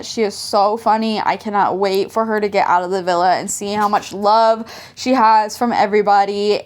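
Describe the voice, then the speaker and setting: Chatty Southern woman vlogging at home. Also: medium pitch. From American South. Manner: rambling, heavy use of "like" fillers. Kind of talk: casual chatty vlog.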